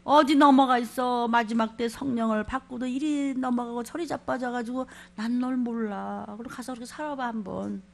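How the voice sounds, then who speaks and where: Woman pastor, high-pitched, fiery sermon delivery with sudden shouts and quiet scolding. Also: a little fast, creaky, few pauses. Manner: swings from quiet asides to shouted scripture, scolding. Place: church.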